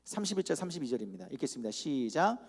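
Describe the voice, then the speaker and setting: A man preaching a youth sermon at a church service, animated, and he acts out the characters with comic asides. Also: mid-range voice, rapid-fire, breathy edge. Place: church hall.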